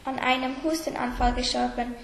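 A woman reading a gentle, sad mother. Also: sits high, steady tone, a little fast, gravelly. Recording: roomy echo, faint background hiss.

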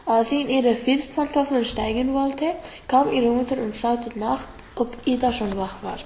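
A woman's voice: fairly high pitch, dark tone. Woman reading a story in a roomy echo. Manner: halting, stumbles over words. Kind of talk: reading a children's story aloud. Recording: roomy echo, faint background hiss.

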